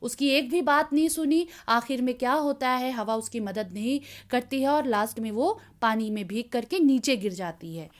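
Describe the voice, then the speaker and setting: A woman's voice: a little high, moderate pace, few pauses. A woman teacher giving an online class to children, fondly asking questions and answering them herself. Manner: calls the children "beta" fondly.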